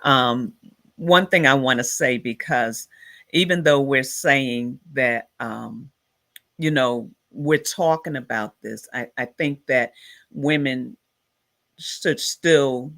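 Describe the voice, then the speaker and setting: A man hosting an interview, speaking slowly and searching for his words. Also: mid-range voice, pushed and bright. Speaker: host. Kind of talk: conversational interview.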